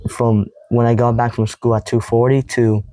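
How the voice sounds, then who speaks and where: A young man vlogging casually to camera, reading out old text messages in a rambling, halting way with heavy sighs. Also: medium pitch, dry recording, low-quality recording. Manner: quoting text messages in a flat tone.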